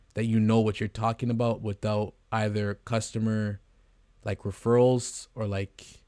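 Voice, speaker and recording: Talking casually to the camera, this eighteen-year-old from Canada, a vlogger who co-founded an agency, wanders earnestly through his thoughts with plenty of restarts and fillers. He has a fairly low, slightly mellow voice in clean studio sound with no room reverb.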